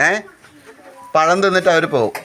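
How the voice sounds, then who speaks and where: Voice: medium pitch, normal speed, fairly bright tone, a little hiss or hum. A teacher on a school outing, quizzing a group of children and repeating questions to prompt answers. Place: outdoors at a house with children around. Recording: chatter of children behind.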